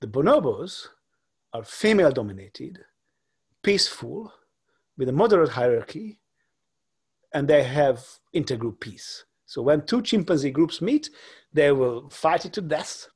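His voice runs a little high, very animated, with a breathy edge. He's a Hungarian man in his forties delivering an online lecture from a home room via laptop webcam on a video call, stumbling along with many fillers and restarts.

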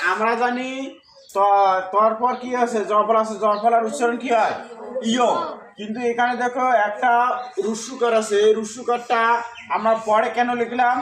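High-voiced man teaching Sanskrit pronunciation. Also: reverberant, poor audio. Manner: patient, asks questions and answers them himself, counts syllables aloud. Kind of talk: step-by-step pronunciation lesson.

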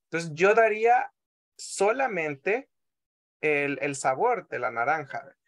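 This is a Salvadoran man giving an online language lesson on a video call. His voice sits a little on the high side. He is patient, says each word more than once, and keeps checking that his students follow. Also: sing-song, gravelly. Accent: Salvadoran Spanish. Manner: patient, repeats words slowly, often asks "¿verdad?". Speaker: Nahuat language teacher.

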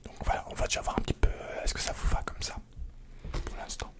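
A young man in a whispered role-play as a hairdresser, talking softly and playfully close to a microphone in a small room at home. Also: fast. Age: young adult. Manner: soft whispering, relaxed and playful. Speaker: ASMR creator playing a hairdresser. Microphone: large mic close in front.

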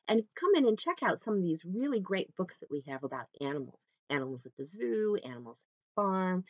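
A woman's voice: on the low side, no echo. A woman librarian leading a family storytime, speaking in a friendly, encouraging way to parents and children. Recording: dull lo-fi sound, dry.

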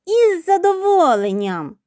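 High cheeky little chick, as a woman puts him on. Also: sing-song, a little slow, no room sound, studio quality. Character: cheeky young boy chick hatching from an egg.

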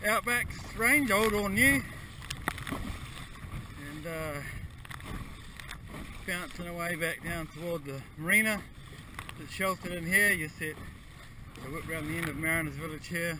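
A man kayaking on a windy harbour, talking to himself in a relaxed, matter-of-fact way as he films the trip on an action camera mounted on the kayak. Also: fairly high pitch, a little slow, pauses often. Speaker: kayaker filming his own trip. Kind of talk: casual running commentary. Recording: wind-battered action camera audio from a distance. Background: wind and splashing water.

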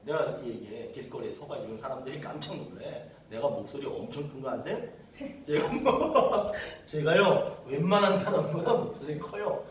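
A middle-aged male pastor telling stories in a conversational sermon, sometimes shouting quoted lines. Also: a little high, lively intonation, normal speed. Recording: echoey room from a distance.

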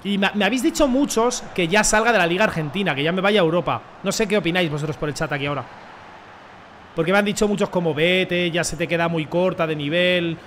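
A young man with a Spain Spanish accent, commentating his own football game casually, excitable and slangy, shouting when he scores. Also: high-pitched, fast, a little hiss or hum. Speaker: gaming YouTuber.

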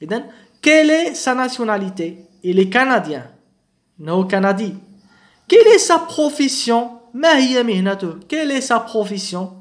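Man, teacher, high voice, slow lines, quick explanations. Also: expressive. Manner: reads French lines slowly, explains quickly in Arabic. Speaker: French teacher. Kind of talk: bilingual language lesson.

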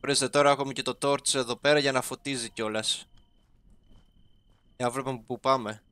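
A young man giving casual, excitable let's-play commentary as a gaming YouTuber, talking straight to his viewers. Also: mid-range voice, clean tone, dry recording. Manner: excitable, talks to viewers, sprinkles English game terms.

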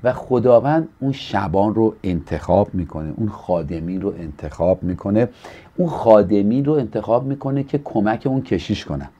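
A man from Iran speaks as a pastor on a studio talk show, explaining church life in an earnest, preacherly manner. His voice sits on the low side and sounds warm and mellow rather than bright. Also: lively intonation, muffled recording. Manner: earnest and preacherly, acting out quoted people with a livelier voice.

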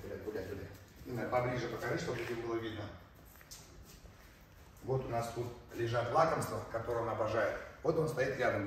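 A man's voice: mid-range voice, recorded from a distance. A man chatting casually to viewers as he films and presents, effusive and often repeating his words. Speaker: animal park host presenting pets and trainer. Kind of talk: casual chat to viewers while filming. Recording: echoey room with background noise.

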